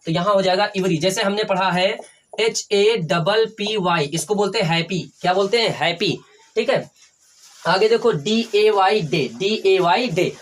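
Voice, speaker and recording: A male teacher from India giving a classroom phonics lesson, spelling words letter by letter, asking questions and answering them himself, often checking in with "ठीक है". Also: high voice. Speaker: English teacher.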